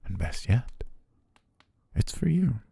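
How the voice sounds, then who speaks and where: In a gentle, coaxing ASMR roleplay, a man plays a doting, possessive yandere butler, soothing yet controlling, in an intimate half-whispered monologue right up close to the mic. His very deep, breathy, husky voice is calm, reassuring and sing-song, slow and hypnotic with pet names, heavily acted and free of room sound.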